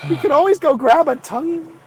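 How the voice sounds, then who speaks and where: On a livestreamed tabletop game over an online group voice call, a man reasons aloud in a casual, conversational way. His voice is very high with a darkish tone.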